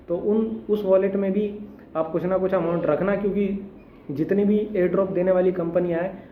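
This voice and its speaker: A man's voice: a little high, echoey room, highs cut off, slight background noise. A young man explaining step by step in a casual tutorial, mixing English tech terms into his speech. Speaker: crypto tutorial host. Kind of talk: casual screen-recorded tutorial.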